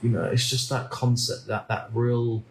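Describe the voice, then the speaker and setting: A man in his thirties from the United Kingdom, talking through a reflective personal monologue in a halting way, often repeating words and restarting sentences. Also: mid-range voice, little pitch movement, roomy sound, slight background noise, rough recording. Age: 30s. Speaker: vlogger.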